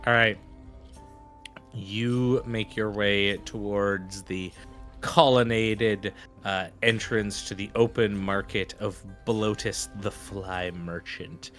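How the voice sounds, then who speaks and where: A man running a tabletop role-playing game as game master, narrating in a casual, halting way. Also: lowish voice, fairly even intonation, a bit bright. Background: background music.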